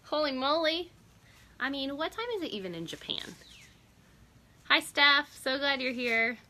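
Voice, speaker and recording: Bright-voiced chatty woman outdoors. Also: sits high, animated, a little slow. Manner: chatty, greets viewers by name, laughs often. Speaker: host of a live stream. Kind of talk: casual live-stream chat. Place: outdoors on a porch.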